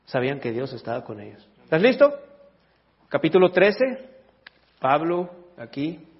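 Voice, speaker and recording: A man's voice: fairly high pitch, sing-song, a little slow. A man preaching a sermon in a church, reading scripture aloud and breaking off for joking asides to the congregation. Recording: dull lo-fi recording.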